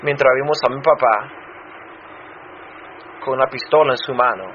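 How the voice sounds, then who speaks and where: A man who grew up in Chicago and serves as a pastor, giving a personal testimony in a sermon, halting and restarting often. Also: medium pitch, a bit bright. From Chicago, United States. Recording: dull muffled sound with faint noise.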